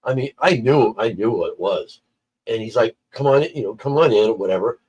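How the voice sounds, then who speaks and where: A man's voice: lowish voice, lively intonation, brisk, darkish tone, husky, poor audio. A man telling a personal story in casual chat on a livestream, acting out the people he quotes. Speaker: livestream guest.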